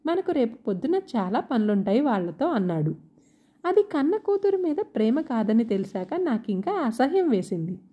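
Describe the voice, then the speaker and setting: A woman reading a first-person story aloud as narrator, voicing the other characters' lines in her expressive reading. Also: a little high, normal speed, slightly rough. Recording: dull lo-fi recording.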